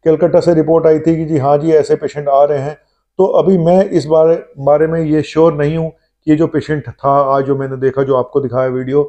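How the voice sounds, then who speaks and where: A middle-aged man, a doctor, talking to the camera from his clinic about a case on a lapel mic, measured and thinking aloud with "uh" pauses. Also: fairly high pitch, level tone, warm tone, muffled recording. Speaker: doctor hosting his own health channel. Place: indoor clinic room. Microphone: lapel mic, seated facing the camera.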